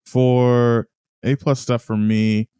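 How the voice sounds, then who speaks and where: A man chats in a relaxed way on a casual podcast, mid-pitched and easygoing. He speaks close to the mic. The sound is dry and plain. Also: slow pace, smooth, no room sound. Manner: relaxed, laughs along, short agreements. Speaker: podcast co-host.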